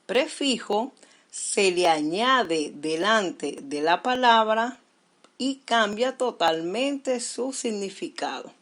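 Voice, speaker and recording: Middle-aged woman teacher from Venezuela, unhurried and deliberate, leaning on each syllable. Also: medium pitch, expressive, a bit bright. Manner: slow, deliberate explaining, stressing syllables. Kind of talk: recorded language lesson.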